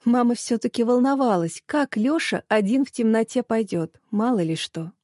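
A woman narrates a children's story in a rather high, darkish voice with lively intonation and a moderate pace. The recording is dry, with clean studio sound.

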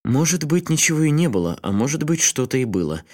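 A man's voice: fairly high pitch, expressive, fairly quick, pitched above the performer's own voice, natural voice. A man voicing a frantic male journalist who pleads with a friend in a raised, agitated voice. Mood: urgent.

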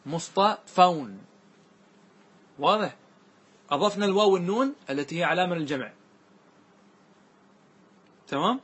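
A man teaching a grammar class, who questions his students often and repeats key points. He recites verse lines slowly and draws them out. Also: high voice, lively intonation, fairly bright tone, husky. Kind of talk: classroom lesson.

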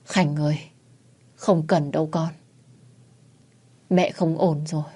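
A woman's voice: steady tone, slow, mellow, husky, exaggerated voice. A woman voicing a desperate middle-aged wife and mother who pleads and cries out. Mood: dying, pleading. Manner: pleading, shrill, frantic.

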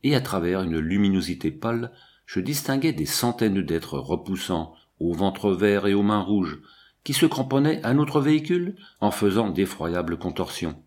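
A man reading an adventure novel aloud as an audiobook narrator, in an expressive, dramatic way. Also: low-pitched, normal speed.

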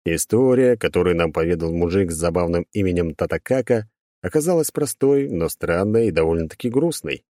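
A man's voice: low voice, mellow, no echo, studio quality. A man narrating a first-person audiobook in a wry, sardonic storytelling manner.

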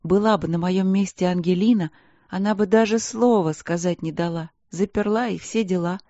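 A soft-spoken, worried queen, as a woman narrator plays her, gentle more than stern, with a dark, mellow tone. She talks low and warmly, her sadness close to the surface. A dry, somewhat dull audiobook recording. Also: moderate pace, no echo, natural voice. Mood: sad. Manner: soft, anxious, firm then yielding. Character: gentle worried young queen, older sister.

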